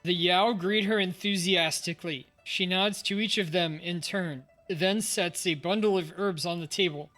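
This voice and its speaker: A man's voice: sits high, fairly even intonation, normal speed, hardly any pauses, bright, forceful tone. A male streamer reading a game's narration aloud and musing casually about it. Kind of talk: reading game text aloud and commenting. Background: game music.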